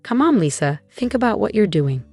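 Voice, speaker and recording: A woman narrator voicing pleading, guilt-tripping parents in a scripted story, quiet but firm. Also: medium pitch, sing-song, brisk, creaky, breathy edge, faint music behind, voice pushed up, heavily acted.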